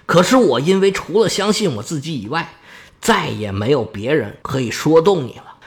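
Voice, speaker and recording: A man voicing a fussy, boastful old Roman official who pleads and brags in a chatty, self-important way, in a Chinese storytelling performance. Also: on the high side.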